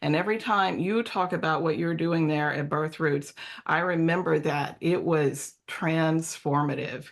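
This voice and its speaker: A woman's voice: sits low, a little slow. A woman hosting a panel discussion over a video call, telling a story in a heartfelt, emotional way. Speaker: editor and discussion host.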